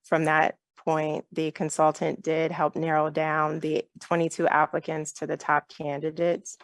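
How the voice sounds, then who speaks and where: A woman mayor chairing a council meeting in a measured, polite, procedural way. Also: deep voice, monotone, dry recording.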